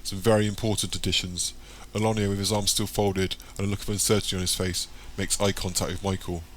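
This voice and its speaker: Low-voiced male audiobook narrator. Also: quick pace, slight background noise. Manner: plain, steady storytelling. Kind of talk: scripted narration.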